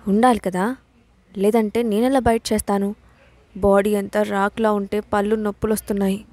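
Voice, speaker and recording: A woman voicing a quick-tempered, childlike young bride in a storybook reading. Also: mid-range voice, little pitch movement, darkish tone, no echo, lightly acted. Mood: fiery, petulant.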